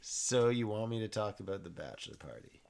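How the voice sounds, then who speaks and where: A man with a very deep, low voice co-hosts a podcast. He chats casually and teases his co-host playfully. He tells stories in a loose, relaxed way. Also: a little fast, vocal fry. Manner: teasing, playful. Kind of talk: casual chat.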